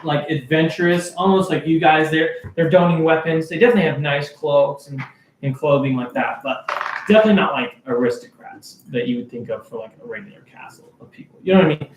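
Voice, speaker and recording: A man's voice: fairly high pitch, fairly quick. A young man narrating as game master of a tabletop game, rambling with lots of fillers. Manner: rambling, full of fillers and laughs. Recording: echoey room, distant mic, noise.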